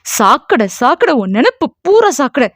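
A woman's voice: high-pitched, very animated, normal speed, dry recording, clean studio sound. A woman voicing an angry, hurt young woman who scolds fiercely. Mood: furious.

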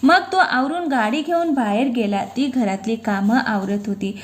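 A woman's voice: on the high side, a little slow. Woman narrating a romantic story.

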